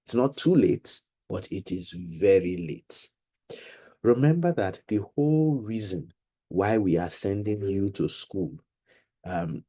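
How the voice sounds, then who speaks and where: A middle-aged man leading an online money seminar for children, explaining patiently and slowly over a video call. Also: sits low, warm tone, breathy edge. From Nigeria. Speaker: financial literacy seminar leader.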